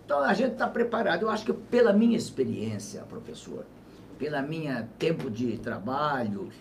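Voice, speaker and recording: Man, 70s, former governor, interview, reflective, emphatic bursts, lively pitch, distant mic, faint background noise. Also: moderate pace, creaky. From Brazil. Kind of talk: political interview conversation.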